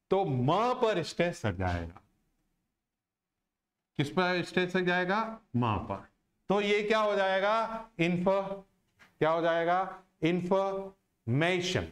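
A man teaching a lesson on word stress, slow and deliberate, who asks questions and answers them himself. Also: sits high, fairly bright tone. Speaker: English teacher.

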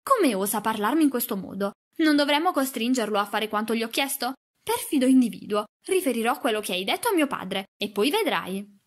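A woman reading an audiobook, voicing a spoiled, imperious young girl who talks high and insistent. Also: expressive, moderate pace.

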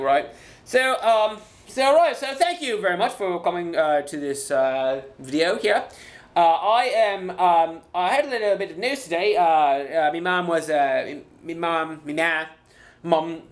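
A vlogger talking in a put-on accent, rambling in a comic way and stopping often to say uh and um. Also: mid-range voice. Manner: hesitant, full of uh and um, restarts. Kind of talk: rambling comic vlog talk.

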